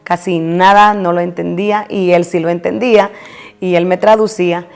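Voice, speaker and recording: A woman's voice: on the low side, steady tone, moderate pace, gravelly. A woman pastor telling a personal testimony, acting out past conversations as she tells it.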